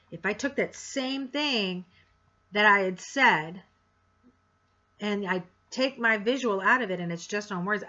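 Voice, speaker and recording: Lady teacher going over course rules, says it how it is, a bit sarcastic, sharp bright voice. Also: fairly low pitch, lo-fi sound. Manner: direct, frank, sarcastic asides. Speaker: college instructor. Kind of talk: course introduction lecture.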